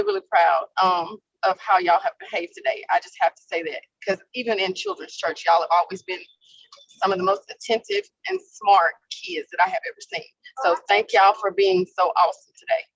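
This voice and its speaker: A woman's voice: mid-range voice, expressive, a little fast, fairly bright tone, no room sound. A woman on a video call, speaking casually as a guest advising children. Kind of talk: casual advice and praise. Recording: dull, dry call audio.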